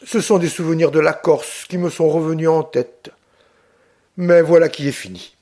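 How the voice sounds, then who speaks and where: A man's voice: on the high side, fairly even intonation, moderate pace, dark tone, close to an everyday voice. A man voicing a proud young Corsican woman who speaks with icy composure. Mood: cold.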